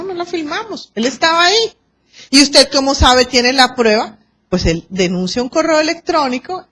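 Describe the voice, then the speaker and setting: A Colombian woman with a high voice lectures a class on arbitration. She's lively, acting out quoted exchanges and anecdotes as she goes.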